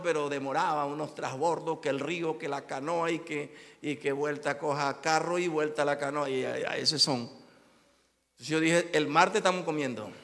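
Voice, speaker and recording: A man preaching as a bishop, telling a personal story and often calling out to his listeners, moving from quiet asides to loud exclamations. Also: a little high, big-room sound. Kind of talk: sermon with personal testimony.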